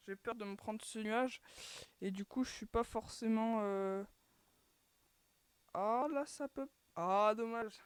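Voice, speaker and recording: A woman's voice: a little high, slow, pauses often, clean tone, no room sound. A woman hosting a gaming channel, chatting casually through her gameplay with lots of fillers and restarts, and groaning at each failed attempt. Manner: chatty, filler-heavy, keeps sighing "too bad" at failed attempts.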